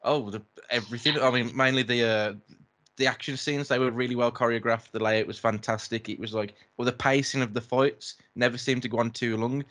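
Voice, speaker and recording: A young man gushes about a film in a relaxed chat with friends. His voice sits at an ordinary middle pitch. He speaks eagerly, dropping in casual slang and stumbling as he gets carried away. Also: fairly quick.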